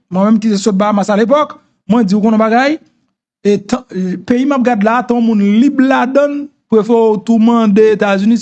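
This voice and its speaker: A middle-aged Haitian Creole-accented man speaks in a notably high voice. He hosts a casual commentary monologue, repeating his points insistently as he gives advice. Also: darkish tone, lo-fi sound. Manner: repetitive, insistent advice-giving. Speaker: host.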